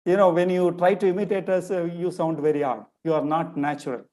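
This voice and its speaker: His fairly high, warm voice moves fairly quickly with fairly even intonation. He is an Indian guest lecturer with a Tamil English accent, lightly shaded by Malayalam, earnestly answering a question in a webinar talk over a video call and repeating key phrases often.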